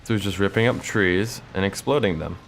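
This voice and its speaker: A man's voice: deep voice, a little fast, vocal fry. A young man reading a video game's story aloud, with casual joking asides. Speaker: let's play narrator. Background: faint game music.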